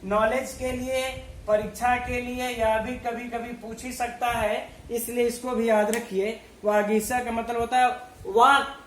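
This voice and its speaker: Male grammar teacher, very high voice, slow and methodical, echoey room recording. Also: flat delivery, fairly bright tone, a little hiss or hum. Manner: slow, methodical, recites letters one by one, asks and answers his own questions. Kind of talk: online video lesson.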